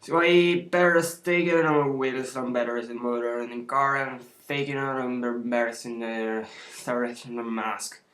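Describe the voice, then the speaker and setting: A man's voice: medium pitch, little pitch movement, moderate pace, hardly any pauses, a bit bright. A man talking casually in fake English gibberish that mimics the sound of everyday conversation. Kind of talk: improvised casual chat in nonsense words. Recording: roomy, echoing sound.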